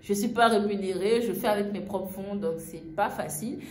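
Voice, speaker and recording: A woman's voice: medium pitch, normal speed, a little mellow. Young woman rambling through a storytime, lots of "euh", roomy echo, bit of hiss behind. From Gabon. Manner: chatty, frequent fillers and "en fait". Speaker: vlogger telling a travel story. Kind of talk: casual storytime narration. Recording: echoey room, faint ambient noise.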